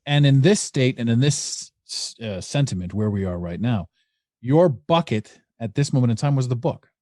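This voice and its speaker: A man hosting a podcast, talking casually and telling an analogy story in an animated way. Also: mid-range voice, moderate pace, dry recording, studio quality. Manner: tells stories with analogies, animated retelling. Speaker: podcast host.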